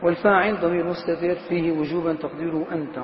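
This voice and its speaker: A man teaching a grammar lesson to a class. He drags out example words slowly, chants lines of verse and puts questions to his students. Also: fairly high pitch, steady tone. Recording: echoey hall, slightly dull sound, faint noise.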